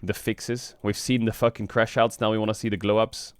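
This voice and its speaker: A man streaming in casual chat, frank and rambling, swearing often, with a flat delivery because he just woke up. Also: brisk, dry recording. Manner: flat, low-energy delivery. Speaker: streamer and esports team owner.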